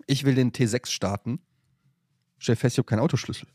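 A man, hosting a podcast and telling a long, animated anecdote in casual chat. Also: mid-range voice, fairly quick, breathy edge, no echo, clean studio sound. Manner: animated anecdote-telling, voices his mother. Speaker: podcast host.

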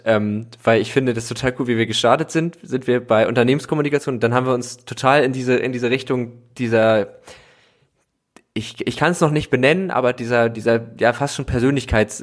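A man hosting a podcast, chatting casually and thinking aloud as he talks. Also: mid-range voice. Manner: relaxed, thinking aloud with fillers and restarts. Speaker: podcast host. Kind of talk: casual conversational interview.

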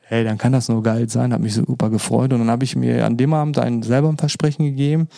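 A man speaks as a podcast guest, telling his own story in a loose, chatty way. His voice is low-toned and gravelly, with little rise and fall. He drops in fillers and acts out what people said. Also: fairly even intonation, quick pace, dark tone, no echo, studio quality. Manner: informal, many fillers, acts out quoted dialogue. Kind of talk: personal storytelling in conversation.

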